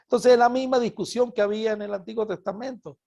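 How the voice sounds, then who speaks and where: A man from Venezuela with a Venezuelan Spanish accent, preaching a Bible study sermon in an animated way and repeating words for emphasis. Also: sits high, fast talker, creaky.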